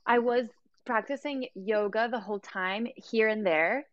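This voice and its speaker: This time her pitch sits fairly high and she speaks unhurriedly; the audio is dull but echo-free. She's the same thirtysomething yoga teacher and life coach from Mexico, earnestly sharing her story in a casual interview with plenty of fillers and restarts.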